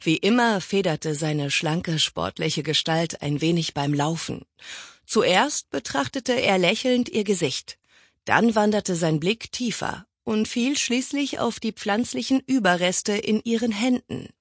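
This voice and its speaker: A woman narrating an audiobook in a measured storytelling manner, lightly voicing the characters' lines. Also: medium pitch, dry recording, studio quality.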